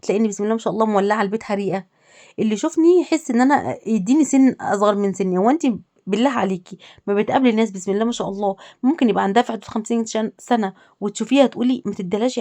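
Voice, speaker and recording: A woman's voice: on the high side, rapid-fire, dark tone. A woman with an Egyptian Arabic accent, a home lifestyle vlogger giving casual advice straight to women viewers, listing and repeating her points. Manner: talks directly to the listener, listing and repeating points.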